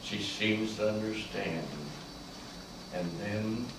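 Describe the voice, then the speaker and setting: An older man, a veteran, performing a slow, emotional spoken-word monologue that swells to loud peaks on key lines. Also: lowish voice, steady tone, gravelly, background noise. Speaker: Vietnam veteran storyteller. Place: large echoey college room. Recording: echoey room from far off.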